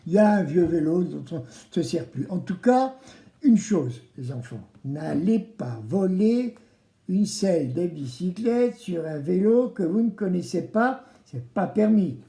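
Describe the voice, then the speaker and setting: Children's DIY presenter: playful, theatrical, very lively intonation, soft-edged tone, addressing kids directly, recorded in an echoey room. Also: medium pitch. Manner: playful, theatrical, exclamatory, asks the children to answer. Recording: roomy, echoing indoor sound.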